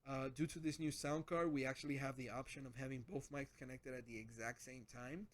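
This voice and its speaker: A man's voice: medium pitch, fairly even intonation, a little fast. A man hosting a casual gadget vlog, rambling with lots of restarts as he explains his setup. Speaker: channel host.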